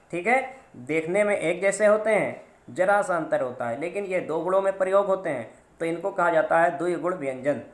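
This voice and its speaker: A man with a fairly high voice teaches a grammar lesson in an echoey room. He explains patiently and repeats each sound and term with stress so students can copy it. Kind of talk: classroom-style grammar lesson.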